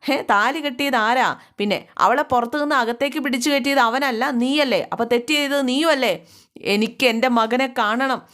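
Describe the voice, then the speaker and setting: A woman's voice: high-pitched, fairly quick, fairly bright tone, pitched above the performer's own voice. A woman reading the lines of an anxious older mother pleading for her jailed son. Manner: pleading, tearful.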